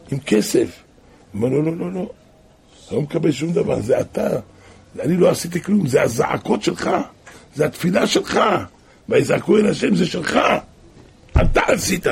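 A man telling a religious tale as a sermon, dropping to hushed asides and then crying out loud repeated calls. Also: creaky, husky. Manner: shifts from hushed low asides to loud cried-out repetitions. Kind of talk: storytelling sermon.

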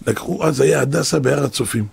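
Gravelly and medium in pitch with a breathy edge, a rabbi's voice carries a sermon built on stories. He re-enacts what people said and echoes key phrases to stress them.

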